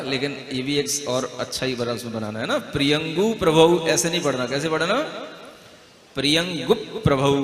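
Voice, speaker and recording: A man's voice: on the high side, a bit bright. A man, a Jain monk, giving a conversational devotional discourse and teaching a group how to pronounce verses, often checking in with the listeners. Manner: conversational, keeps asking "है ना?", models verse pronunciation slowly. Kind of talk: devotional discourse and recitation lesson. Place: large hall with a gathering. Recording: echoey hall with long reverb.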